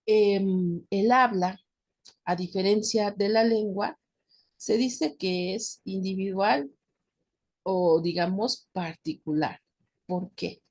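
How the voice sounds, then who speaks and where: A woman with a Mexican accent teaches a recorded class lecture, explaining patiently, checking in with her students, and speaking to them directly. Her voice is medium-pitched and husky, a little mellow, with vocal fry.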